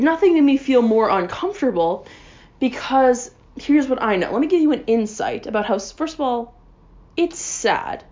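A woman's voice: fairly high pitch, a little mellow, highs cut off. Sarcastic young woman ranting. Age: young adult. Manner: sarcastic, rambling, heavy on fillers. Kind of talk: casual comedic rant.

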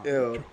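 A man's voice: sits high, gravelly. A man co-hosting a podcast, laughing often and swearing through casual banter. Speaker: podcast co-host.

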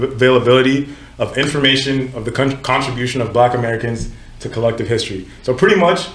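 The host of a laid-back group podcast, a Nigerian man in his twenties, has a medium-pitched voice captured with a roomy sound. His talk is conversational and full of self-corrections, peppered with "you know what I'm saying."

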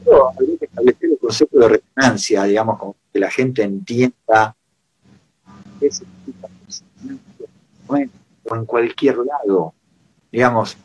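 A man's voice: medium pitch, normal speed, long pauses, darkish tone, low-quality recording. A man explaining guitar pickups casually and patiently, his audio glitching and cutting out over a video call. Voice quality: husky. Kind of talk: casual online chat.

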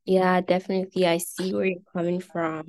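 A woman's voice: lowish voice, level tone, a little fast, darkish tone. A young woman hosting a podcast, asking interview questions in a friendly, affirming way. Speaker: podcast host.

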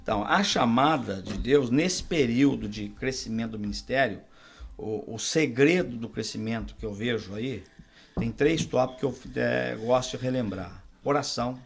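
A middle-aged Brazilian man, a pastor and podcast guest, telling his testimony in a relaxed conversation and acting out the dialogue he quotes. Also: medium pitch, normal speed, gravelly, breathy edge. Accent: Brazilian Portuguese. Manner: storyteller who acts out quoted dialogue. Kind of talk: testimony told in a casual interview.

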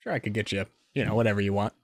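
A man's voice: on the low side, rapid-fire, no echo, studio quality. A man playing a veteran city cop who stammers nervously and tries to talk his way out of trouble. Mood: coaxing. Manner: stammering, nervous then coaxing. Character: veteran male city cop, cuffed, fast-talking, wheedling.

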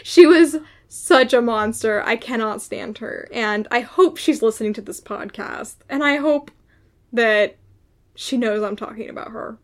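A young woman co-hosting a podcast, telling a story in a casual, animated way and swearing freely. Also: a little high, a little slow. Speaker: podcast co-host. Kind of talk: casual chat.

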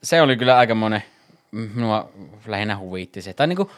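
A man hosting a casual podcast chat, chatty and laughing often, talking in quick bursts. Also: lowish voice, animated.

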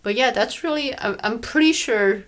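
A woman's voice: on the high side, normal speed. A woman from South Korea, co-hosting a podcast in casual chat, talking in a chatty way with many fillers. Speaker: podcast co-host.

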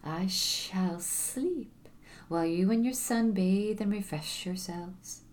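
Woman whispering as a gentle male snake. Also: mid-range voice, lightly acted. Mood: calm, reassuring. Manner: slow hushed whisper. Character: gentle grateful male snake, slow and hushed.

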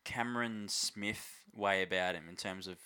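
A man's voice: low voice, fairly even intonation, a little slow, sharp tone, clean tone. An Australian man co-hosting a casual rugby league podcast, talking in a matey, emphatic, agreeable way. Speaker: sports podcast co-host.

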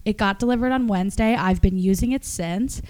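A woman in her twenties co-hosting a podcast, chatting casually with wry jokes and quick asides. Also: mid-range voice, darkish tone. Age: 20s. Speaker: podcast co-host. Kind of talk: casual chat.

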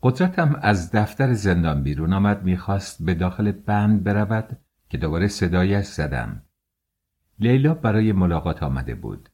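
A man with a very deep voice reads an audiobook. His narration is steady and measured, as a practiced storyteller's. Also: husky. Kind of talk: scripted narration.

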